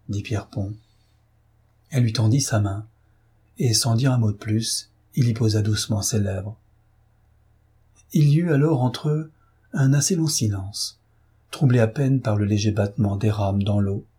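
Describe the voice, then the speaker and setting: Mellow husky male audiobook narrator. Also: lowish voice. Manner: measured, steady literary reading. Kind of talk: scripted narration.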